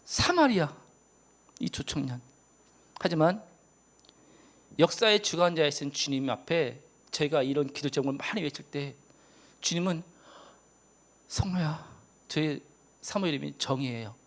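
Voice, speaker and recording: A man in his fifties preaching an impassioned sermon as a missionary, swinging from emphatic loud peaks to hushed whispers. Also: a little high, animated, unhurried, long pauses.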